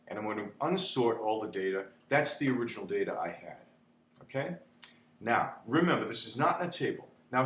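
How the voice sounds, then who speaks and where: A male instructor walks through a spreadsheet lesson in a chatty, theatrical way. His voice sits at an ordinary pitch. It is recorded in a noticeably echoey room with a faint hum behind it. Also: fairly bright tone. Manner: chatty, repeats "okay?", dramatizes panic. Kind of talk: spreadsheet tutorial.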